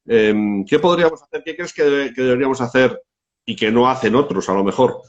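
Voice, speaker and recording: A man's voice: mid-range voice, fairly quick. Man hosting over a lo-fi call. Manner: conversational, short back-channel replies. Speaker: host. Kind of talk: casual interview. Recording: lo-fi live video call.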